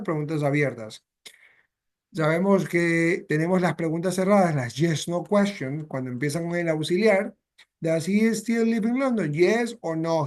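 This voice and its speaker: High-voiced bilingual English teacher. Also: male voice, darkish tone. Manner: mixes English and Spanish, repeats phrases with "¿ya?" and "¿ok?". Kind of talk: bilingual classroom explanation.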